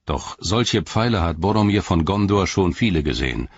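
A man playing a grave, commanding captain who questions sternly, with a deep, husky voice. The storybook recording is dry and muffled. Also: animated, normal speed, no echo, exaggerated voice. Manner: stern, interrogating.

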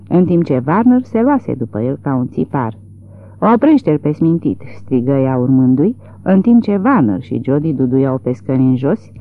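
An audiobook narrator reading a literary novel with expressive, dramatic storytelling, on tinny phone-like audio. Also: medium pitch.

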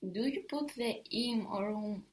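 A woman's voice: on the high side, a little slow. A woman taking a language lesson, answering tentatively and repeating phrases back to her teacher. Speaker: student.

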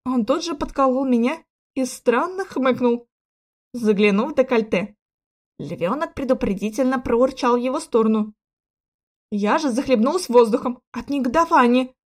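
A woman with a high voice reads a first-person fantasy novel aloud. Her reading stays lively and expressive throughout. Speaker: audiobook narrator.

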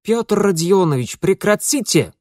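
A man's voice: high-pitched, expressive, unhurried, darkish tone, no room sound, clean studio sound, voice pushed up. A man voicing a stern young governess with a light German accent, indignant and commanding.

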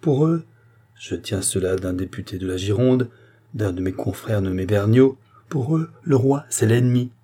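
A male reader brings an earnest statesman to life, his urgent warnings to a queen set out point by point like a classic novel read aloud. Mellow and slightly husky, the voice is a touch raised and insistent, with lively intonation at a normal speed, pleading as it explains.

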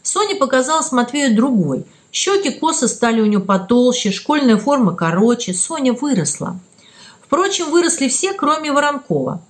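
A woman narrating a children's story as an audiobook, reading in an expressive storytelling way. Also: high-pitched, normal speed.

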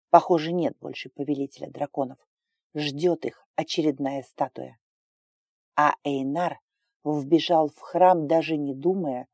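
A woman reads a story aloud in a calm, even manner. Her voice sits low and dark, mellow in tone. The recording is close and dry. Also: no room sound. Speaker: narrator. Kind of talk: storybook narration.

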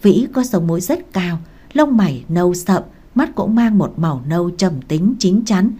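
A woman reads a romance novel aloud in an even, measured way. Her voice sits low and has a mellow tone. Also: husky. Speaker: narrator. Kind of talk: audiobook narration of a romance novel.

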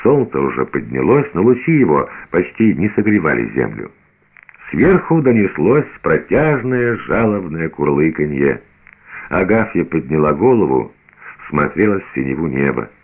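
A man reading a novel aloud with expressive, theatrical narration, on a tinny old radio recording. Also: extremely low pitch, moderate pace. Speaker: reader.

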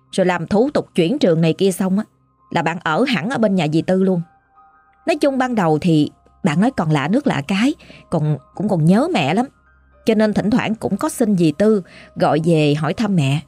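A woman storyteller with a Southern Vietnamese accent recounts a ghost tale in a chatty, dramatic manner. Her voice rises and falls with animated melody, recorded close and dry with faint music beneath. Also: mid-range voice, breathy edge, no room sound. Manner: chatty, dramatic, addresses listener as "you".

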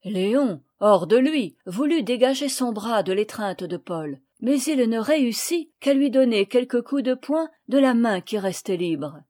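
A woman reading a children's novel aloud, with clear, expressive narration. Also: on the high side, a little slow, hardly any pauses. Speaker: audiobook reader. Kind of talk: storybook reading.

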